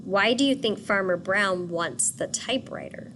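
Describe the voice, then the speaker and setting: A woman teacher reading a picture book aloud and pausing to ask children questions. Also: mid-range voice, background noise. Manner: patient, asks questions for children.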